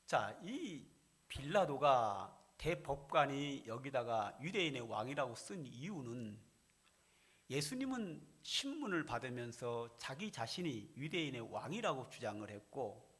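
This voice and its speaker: A man's voice: big pitch swings, a little slow, fairly bright tone. Man preaching an expository sermon. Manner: expository preaching, dramatizing quoted voices with pitch jumps. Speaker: senior pastor. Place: church sanctuary.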